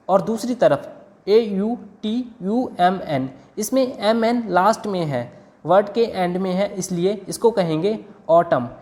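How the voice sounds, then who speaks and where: A woman teaching an English lesson, spelling words out letter by letter and pronouncing each one slowly and carefully. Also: mid-range voice, dark tone. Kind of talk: lesson explaining silent letters.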